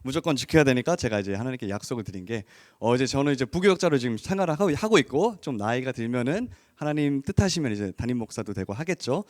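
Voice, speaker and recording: A man's voice: mid-range voice, expressive, fast, few pauses, no room sound, clean studio sound. A man preaching a sermon in an informal, explanatory way, sprinkling English words into his talk. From Korean raised abroad. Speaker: preacher, associate pastor of an English-language congregation.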